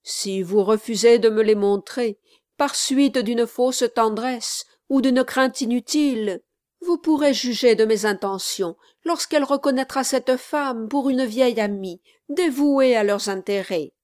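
A woman reading an audiobook, voicing an agitated middle-aged gentleman who searches for a lost child with an urgent, raised voice. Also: fairly high pitch, a little slow, dry recording, clean studio sound, close to an everyday voice. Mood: earnest pleading.

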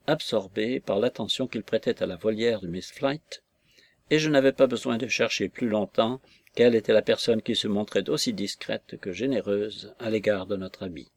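A man reading a classic novel aloud as an audiobook, in a measured, expressive storytelling manner. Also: fairly low pitch, creaky. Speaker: reader. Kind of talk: audiobook narration.

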